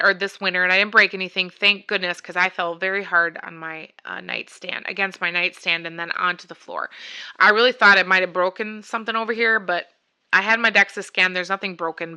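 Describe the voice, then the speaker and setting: Her voice is low-ish, sharp and clean as this vlogger shares the story of her personal health journey. The telling is casual and rambling, and she performs both sides of the conversations herself.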